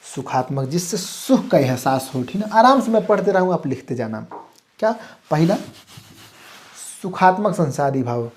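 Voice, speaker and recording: A man from India teaching an exam-prep lesson, who keeps asking whether the class follows and reads lists of terms slowly and clearly. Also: fairly high pitch, sing-song. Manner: repeats "ठीक ना?" to check the class, stresses each term. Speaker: Hindi teacher.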